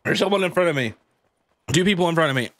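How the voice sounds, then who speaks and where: A man's voice: on the high side, expressive, fast talker, a bit bright. A man in his thirties chatting casually as he streams a game, suffering and breathing hard with his mouth burning from spicy food. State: in pain from hot pepper, sighing and breathy. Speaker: livestreamer playing a shooter game. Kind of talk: casual gameplay chat to viewers. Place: small home streaming room.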